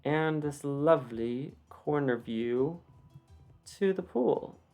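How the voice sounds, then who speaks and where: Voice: mid-range voice, lively intonation, slow pace, a little mellow, soft background music. A video creator with a slight lisp from wearing retainers gives a casual, unscripted tour commentary with rambling, self-deprecating asides. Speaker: video creator giving a game build tour.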